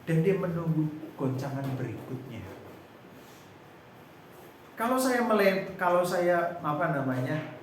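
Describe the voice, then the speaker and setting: A man delivers a sermon in a church, acting out the scene as he tells it. His voice rises and falls in a lively way, and he often stops with searching fillers. The sound rings through a very echoey hall, with faint ambience behind him. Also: fairly high pitch, a little slow, long pauses, slight background noise. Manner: dramatizes the story, acting out voices. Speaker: preacher.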